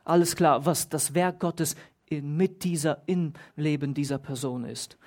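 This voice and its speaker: Slow-talking bible teacher, reads verses then explains them, leans hard on single words, asks the group questions. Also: mid-range voice, a little mellow.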